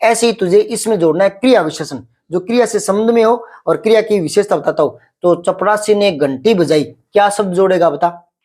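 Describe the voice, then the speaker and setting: A middle-aged man teaching Hindi grammar, explaining patiently, repeating example sentences slowly and quizzing a pupil. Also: high voice, darkish tone. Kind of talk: classroom grammar lesson.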